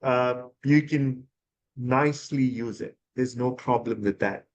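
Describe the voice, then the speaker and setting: Answering interview questions as an expert, this Indian man, an ENT surgeon, talks through nasal treatment with plenty of fillers and restarts. He speaks unhurriedly in a medium pitch.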